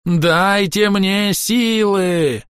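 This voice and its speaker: A man voicing a pompous male elf sorcerer who loudly pleads and wails in declamatory outbursts. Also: a little slow, no echo, studio quality, natural voice. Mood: frantic invoking. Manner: shrill, declamatory wailing.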